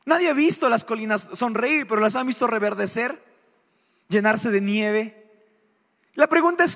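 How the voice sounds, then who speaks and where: High-voiced preacher. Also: male voice, big-room sound. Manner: animated, asks the congregation questions. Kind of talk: sermon.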